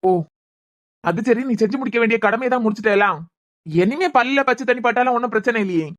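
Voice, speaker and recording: Arjun, a fast, teasing cartoon husband, voiced by a woman. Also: on the high side, natural voice. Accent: Kanyakumari Tamil. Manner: teasing, mocking. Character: teasing young husband, a doctor.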